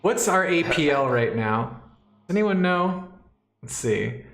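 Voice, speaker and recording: A man's voice: on the high side, big pitch swings, takes it slowly, gravelly, roomy sound, noisy background. A man running a tabletop game as dungeon master on a stream, joking and self-deprecating as he talks into a desk mic.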